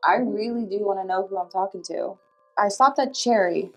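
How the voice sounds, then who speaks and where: A woman investigating the paranormal for a vlog, politely and gently putting questions to spirits. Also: mid-range voice, moderate pace, rough recording.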